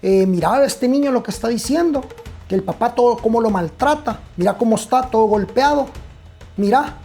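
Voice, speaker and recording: A man's voice: sits high, lively intonation, a little fast, mellow, faint music behind, voice pushed up. A man voicing a pushy, meddling middle-aged woman who keeps pressing with concerned questions. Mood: insistent. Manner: insistent, questioning.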